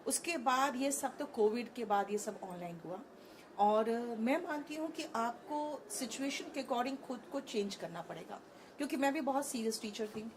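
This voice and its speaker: A woman's voice: on the high side, moderate pace, a little hiss or hum. A woman in her thirties, an online English teacher, talking frankly and animatedly in an interview on a conference stage, mixing Hindi with English.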